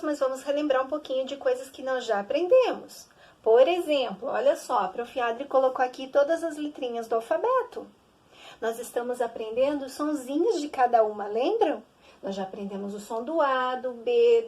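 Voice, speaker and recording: A young woman teacher with a Brazilian accent, giving an early-grade reading lesson in slow, sing-song talk that stretches out syllables. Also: on the high side, darkish tone. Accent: Brazilian Portuguese.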